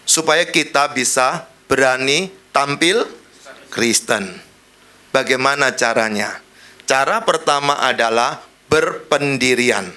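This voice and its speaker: A male pastor, preaching in a joking, dramatic style with sudden shifts in pace and loudness. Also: medium pitch, takes it slowly. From Indonesia. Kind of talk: sermon.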